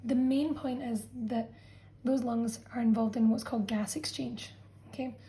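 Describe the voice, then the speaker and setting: Mellow-voiced woman teaching a revision lesson. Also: a little high, fairly even intonation, normal speed, low-quality recording. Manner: patient, explanatory, checks in with "okay". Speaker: science teacher. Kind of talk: revision lesson narration over a drawn diagram.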